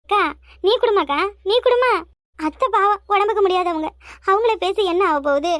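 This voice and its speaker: A woman's voice: very high-pitched, lively intonation, moderate pace, a bit bright, dry recording, clean studio sound. A woman voicing a tearful, pregnant young daughter-in-law in a cartoon, speaking with a Kanyakumari Tamil accent in a wailing, pleading manner. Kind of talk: cartoon voice acting.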